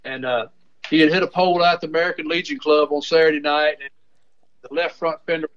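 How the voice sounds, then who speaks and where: A man's voice: on the high side, steady tone, fast, fairly bright tone. An older man, telling a rambling folksy tale over a phone speaker. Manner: rambling, restarts often. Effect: heard over a phone speaker. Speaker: author and storyteller. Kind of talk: folksy storytelling. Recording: muffled speakerphone call.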